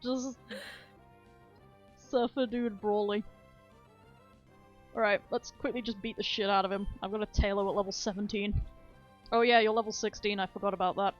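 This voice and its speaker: A woman's voice: mid-range voice, fairly even intonation, moderate pace, pauses often, lo-fi sound, soft background music. A woman streamer chatting casually and rambling enthusiastically about speedrun details, swearing freely. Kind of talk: casual game-stream chat.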